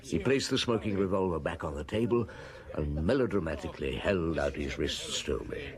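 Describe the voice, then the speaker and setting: A man acting a shrewd, commanding middle-aged French police inspector in a radio drama, reasoning and narrating deliberately with a husky voice. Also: low-pitched, expressive, crowd noise. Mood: hushed, tense.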